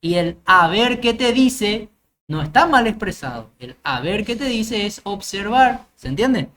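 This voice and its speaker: A woman teacher from Paraguay delivers a grammar lecture, going through the rules one at a time with examples. Her mid-range voice is expressive and fairly bright, her pace measured, and she often pauses to check whether the class is following. Faint noise lies beneath her speech.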